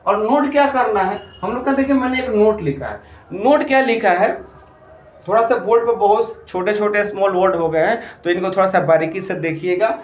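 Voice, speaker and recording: A man's voice: sits high, normal speed, reverberant. A man teacher giving parents step-by-step advice in a classroom-style talk, often saying "look" and restarting his sentences. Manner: repeats "dekhiye" often, talks in steps with restarts. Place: room with a board.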